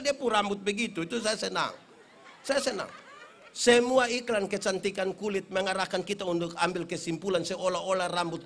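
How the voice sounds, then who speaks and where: A male pastor, preaching a humorous sermon at a Christmas gathering and telling stories with lively acted-out voices. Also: sits high, slight background noise. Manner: animated storyteller, acts out voices and shouts.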